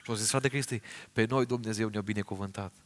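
Earnest low-voiced Romanian preacher. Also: male voice, fairly even intonation. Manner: storytelling, earnest, addresses congregation directly. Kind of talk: sermon.

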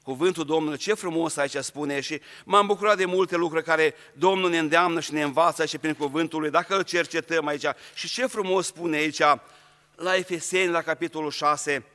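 A man's voice: a little high, fairly even intonation, sharp tone, big-room sound. A man preaching a sermon, speaking earnestly and straight to his congregation. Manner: earnest, addresses the congregation directly.

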